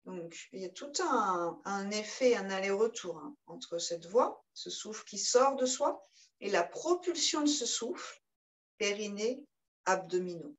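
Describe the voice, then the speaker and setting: A woman leads a yoga session in a calm, guiding voice. Between cues she chants short, rhythmic breath sounds, keeping the class moving. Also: mid-range voice, unhurried, poor audio. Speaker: yoga teacher. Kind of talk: guided yoga class instruction.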